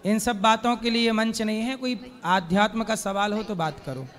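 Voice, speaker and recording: A high-pitched man gives calm, direct spiritual counsel in a question-and-answer session. His short questions ring out with a long echo in a large hall. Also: normal speed. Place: large hall before an audience. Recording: reverberant hall.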